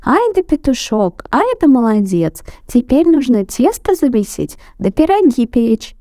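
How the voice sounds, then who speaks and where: A woman voicing two tiny, lazy mouse boys in a squeaky, piping, childish voice for a fairy tale. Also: big pitch swings, a little slow, mellow, no room sound, clean studio sound.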